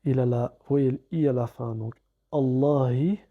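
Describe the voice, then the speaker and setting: A man's voice: mid-range voice, fairly even intonation, unhurried, gravelly, lo-fi sound. A man teaching how to read letters, patiently spelling out each letter and vowel in a step-by-step lesson. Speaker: Arabic reading teacher. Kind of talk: slow step-by-step reading lesson.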